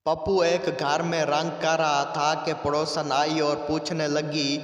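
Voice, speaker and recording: A man narrating a string of short jokes in a steady, scripted reading. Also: a little high, measured pace, shouting. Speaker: joke narrator. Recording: echoey room with long reverb.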